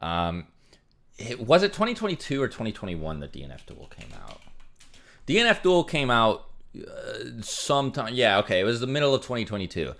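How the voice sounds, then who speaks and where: A young man on stream answers donations in loose, rambling chat, leaning constantly on "like" and "um". His medium-pitched voice swings widely, runs at a moderate pace, and sounds creaky yet fairly bright.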